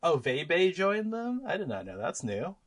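A man's voice: on the high side, very animated, normal speed. Rambling, laughing casual co-host man. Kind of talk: casual chat.

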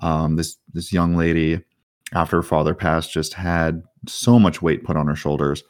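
A man narrating as game master of a tabletop game, in a very low voice. He rambles loosely, padding his descriptions with fillers. The tone stays relaxed and conversational. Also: normal speed, smooth, no echo, clean studio sound.

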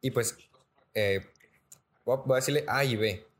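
A young man with a Mexican accent, hosting a casual podcast and telling stories in rapid slang full of fillers. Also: medium pitch. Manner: rapid slangy storytelling with frequent filler "güey". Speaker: podcast host. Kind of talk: casual storytelling chat.

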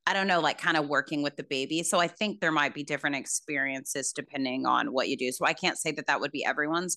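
Casual podcast co-host, female, low and bright voice, rambling friendly storytelling. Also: no room sound, clean studio sound. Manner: chatty storytelling, lots of "like". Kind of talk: casual chat.

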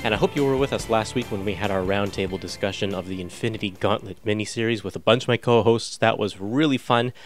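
Low-voiced man hosting a casual podcast. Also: quick pace, few pauses, soft background music. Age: 30s. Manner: enthusiastic, informal. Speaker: podcast host.

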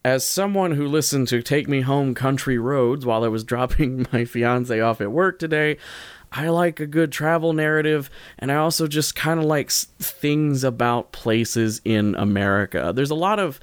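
Speaking at a moderate pace in a smooth, medium-pitched voice, a male podcast host rambles through casual recommendations on his solo show. He corrects himself often and keeps things jokey and informal, and the recording is dry.

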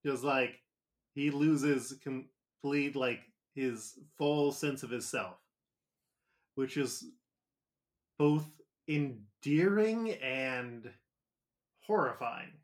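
A male podcast co-host talks through an episode recap in a loose, joking way. He laughs along and peppers his telling with filler words. His voice sits at a middling pitch. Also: drawn-out words, pauses often.

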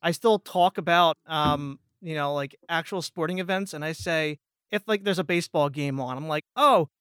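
Here a Pennsylvania-born American speaks at normal speed in a slightly high, a bit bright, clear and resonant voice, captured at studio quality with no room sound. As a guest voice actor, he keeps the chat casual, meandering and self-deprecating.

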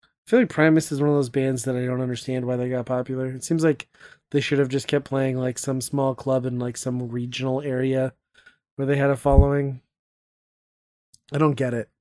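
A young man co-hosting a casual chat, blunt and quick to swear, laughing often. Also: mid-range voice, level tone, darkish tone, dry recording.

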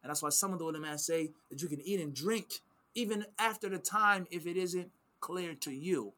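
With a somewhat high, tense and pushed voice, a male Islamic teacher answers questions about religious principles during a sit-down talk at a moderate pace. He stresses key phrases by repeating them and brings in Arabic quotations along the way.

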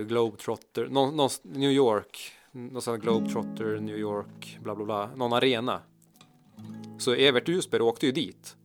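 A man co-hosting a casual chat, telling a long anecdote and acting out the people in it. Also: fairly low pitch. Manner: rambling storyteller, acts out quotes. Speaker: podcast co-host, musician.

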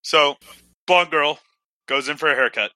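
A man tells a drawn-out joke slowly and deliberately, pausing between phrases. His tone is bright and cutting. The recording is dry and close to the mic. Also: fairly high pitch, no echo, poor audio. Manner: slow, deliberate storyteller with pauses. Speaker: podcast co-host. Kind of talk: casual joke-telling chat.

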